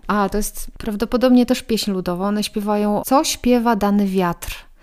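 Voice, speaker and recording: A woman's voice: mid-range voice, fairly even intonation, moderate pace, a little mellow, clear, resonant tone. Enthusiastic woman explaining in conversation. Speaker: guest expert on Estonian culture.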